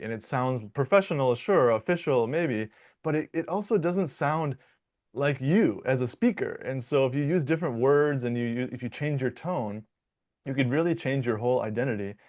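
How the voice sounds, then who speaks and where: A young dialect coach from Michigan in the United States answers interview questions in a relaxed, playful manner, often restarting sentences and using fillers. He speaks at a medium pitch and moderate pace.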